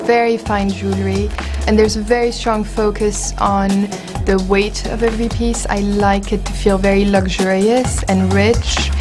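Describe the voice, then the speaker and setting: Flat-voiced young woman over music. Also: mid-range voice. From Switzerland. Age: young adult. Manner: soft, relaxed, with fillers and restarts. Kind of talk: interview answers.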